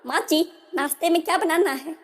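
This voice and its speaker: A woman's voice: very high voice, brisk. A woman voicing a polite, dutiful young newlywed daughter-in-law in a storybook tale. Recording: long hall reverb.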